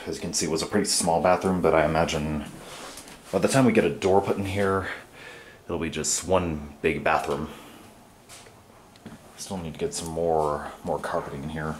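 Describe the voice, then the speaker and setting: With an extremely low pitch, fairly even intonation, and a moderate pace, a young vlogger gives a casual, filler-heavy tour of his family's carpeted house indoors. The noisy audio comes from his handheld camera's mic.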